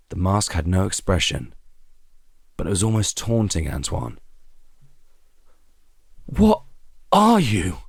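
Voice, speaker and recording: A male narrator with a very low voice reads a dramatic scripted tale. The recording is dry, with hardly any room sound and no audible room sound at all.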